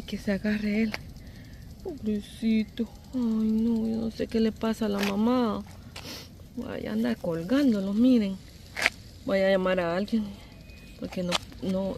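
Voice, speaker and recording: A woman's voice: medium pitch, steady tone, measured pace, vocal fry, darkish tone. A Salvadoran woman filming a phone vlog outdoors on a walk, talking in an anxious, tender way and sighing "ay" again and again. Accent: Salvadoran Spanish. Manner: anxious, tender, keeps saying "ay" and "pobrecito". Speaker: vlogger. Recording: outdoor phone audio, noticeable background noise.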